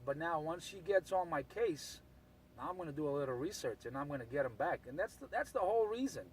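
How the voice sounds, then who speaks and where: A man's voice: on the high side, lively intonation, a little fast, slight background noise. A man chatting over CB radio in an aggrieved, blunt way, repeating himself for emphasis. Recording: distant voice from the mic.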